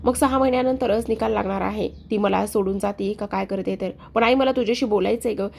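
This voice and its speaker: A woman voicing an earnest young man who insists on talking seriously with his mother, with a slightly gravelly voice. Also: mid-range voice, fast talker, darkish tone, a little hiss or hum, natural voice. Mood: pleading. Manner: pleading, insistent.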